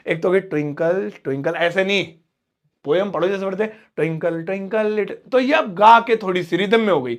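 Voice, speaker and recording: A man's voice: high-pitched, moderate pace. A young man teaching simple English in an explanatory lesson, repeating key words and acting out everyday examples. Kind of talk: spoken English lesson in Hindi.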